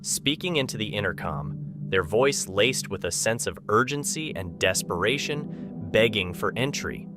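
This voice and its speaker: A man's voice: on the low side, lively intonation, normal speed, over music. A man reading a dramatic scripted narration for a video as its narrator.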